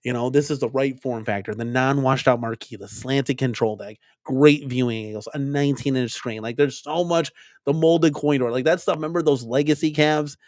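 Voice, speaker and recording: A man's voice: medium pitch, fairly even intonation, moderate pace, darkish tone, no echo, clean studio sound. A man hosting an arcade-collecting live stream, chatting casually and rambling, with lots of "right?" and "like" and repeated words. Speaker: arcade collector vlog host.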